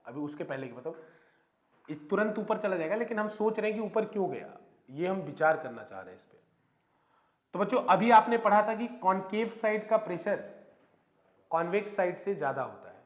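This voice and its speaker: High-voiced man teaching in an echoey room. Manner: explains step by step, keeps asking students questions. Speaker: physics teacher. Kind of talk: classroom lecture. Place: classroom. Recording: echoey room, dull lo-fi sound.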